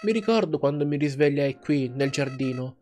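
A man reading aloud the lines of a sad talking flower with a lost boy's soul, in a quiet storytelling way for a video game. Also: on the high side, expressive, normal speed, a little hiss or hum, natural voice. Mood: wistful.

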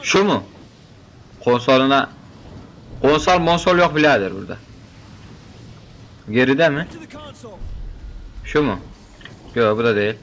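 Young male gamer host: bright, jokey, excitable, talks back at the game, keeps calling everyone "brother". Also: mid-range voice, measured pace, pauses often, lo-fi sound. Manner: joking, excitable, chatting with game characters; keeps saying "brother" as a filler. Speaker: gaming video host. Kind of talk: playthrough commentary.

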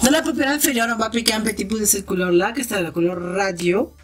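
A woman's voice: mid-range voice, quick pace, background noise. A woman with a Spanish accent, a beauty vlogger chatting playfully through a makeup tutorial with cheerful exclamations.

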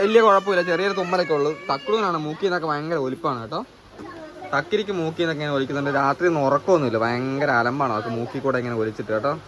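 A man, chatting to camera as a family vlogger at home during heavy rain. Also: on the high side. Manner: chatty, tells the family news with a laugh. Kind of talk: casual vlog chat to camera. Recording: outdoor mic with loud noise.

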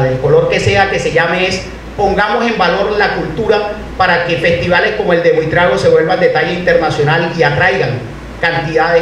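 A man with a Colombian Caribbean accent delivers a public speech in a high-pitched voice. The sound is heavily reverberant and picked up from far off, with faint noise underneath. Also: a bit bright. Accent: Colombian Caribbean Spanish. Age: middle-aged. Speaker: university official giving a speech. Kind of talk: public speech at a formal event. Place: indoor hall, at a podium. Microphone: podium microphones, heard from a distant camera. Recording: echoey hall, distant mic, faint noise.

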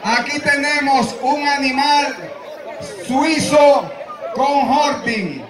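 A Dominican man auctioneers in a very high, projected voice, repeating bids and pressing the buyers. His delivery is slow and drawn out, and it echoes over an outdoor PA with a crowd around. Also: noisy background. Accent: Dominican Spanish. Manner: loud, insistent, projecting to a crowd. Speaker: livestock auctioneer. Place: open-air livestock show ring among a crowd. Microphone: public-address microphone, picked up by a spectator's camera.

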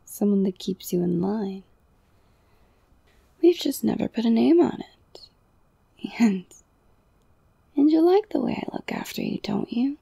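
A young woman whispering an intimate ASMR roleplay, slow and soothing, softly domineering and coaxing. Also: a little high, big pitch swings, vocal fry, breathy edge, no echo. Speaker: audio roleplay performer.

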